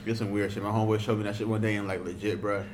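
Fast-talking young man, slangy frat-bro style. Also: lowish voice, flat delivery. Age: young adult. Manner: slangy frat-bro talk, peppered with bro and bruh. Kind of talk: casual chat among friends. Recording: noisy casual recording with ambient sound.

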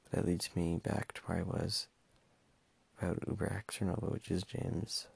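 A man's voice: low-pitched, steady tone, normal speed, creaky, breathy edge, dry recording. A young man talking in a casual personal monologue, hesitant and stumbling over his words with many fillers. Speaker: podcast host.

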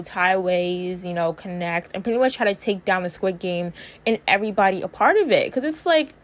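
A young woman talks casually to her listeners as a host giving her opinions. Her speech stumbles a little, as her jaw is sore from freshly tightened braces. Her pitch sits in a middle range for a woman. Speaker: host of a show recapping and reviewing TV series.

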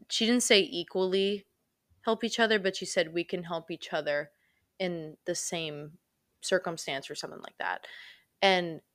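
A woman's voice: lowish voice, fairly bright tone, dry recording, clean studio sound. A young woman talking casually as a podcast co-host, chatty and rambling with many fillers. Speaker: podcast co-host reviewing a film. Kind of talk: casual chat.

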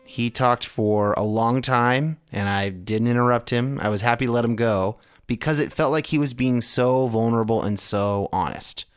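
A man's voice: mid-range voice, normal speed, few pauses, smooth, faint music behind. A man hosting a podcast, chatting casually with his co-host and introducing interview clips. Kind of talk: casual co-hosted podcast chat.

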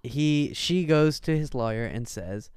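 A man's voice: fairly high pitch, animated, measured pace, darkish tone, clean tone, dry recording, studio quality. A young man co-hosting a podcast, joking around, laughing often and reading out news items in casual chat. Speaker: podcast co-host. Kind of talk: casual banter, storytelling.

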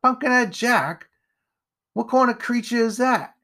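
A cheeky young newsboy chirps in a high, bright voice, as a man puts him on. He talks back with a saucy, street-wise manner. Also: exaggerated voice. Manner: cheeky, quick.

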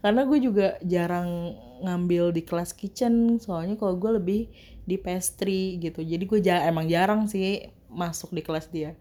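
A woman's voice: fairly low pitch, normal speed. Chatty young woman. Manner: chatty, slangy, animated retelling with laughs. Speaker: vlogger. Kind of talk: casual storytelling to viewers.

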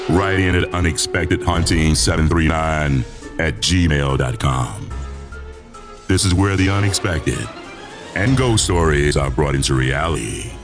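A man reading a scripted podcast intro in an ominous, dramatic horror-host manner. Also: extremely low pitch. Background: loud music.

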